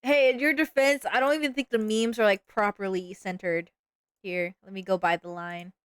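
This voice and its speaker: A woman's voice: mid-range voice, fairly even intonation, moderate pace, clean tone, no room sound. A woman streaming live as a VTuber, chatting casually and playfully while she animates, with sudden dramatic outbursts.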